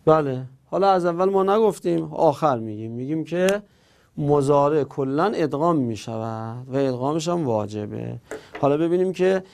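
A man's voice: fairly high pitch, animated, creaky, a little mellow, a little hiss or hum. A man teaching an Arabic grammar lesson, explaining step by step and answering his own questions.

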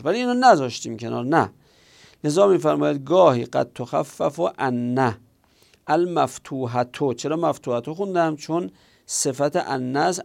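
A man with a gravelly, slightly raised voice delivers an explanatory grammar lecture. He asks questions aloud and answers them himself, leaning hard on the key words. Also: a little high. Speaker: teacher.

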